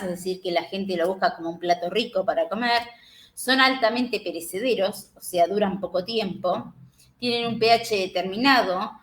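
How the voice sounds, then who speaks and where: A woman's voice: mid-range voice, a bit bright. A woman from the River Plate region giving a university lecture, explaining step by step, with many fillers and tag questions. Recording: echoey room.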